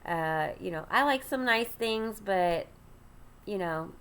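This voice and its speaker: Doing her makeup while rambling with plenty of ums, a woman who hosts a ministry chats in a casual get-ready-with-me format. Her voice is congested and nasal yet fairly bright and clean in tone, medium-pitched and expressive, and she speaks slowly.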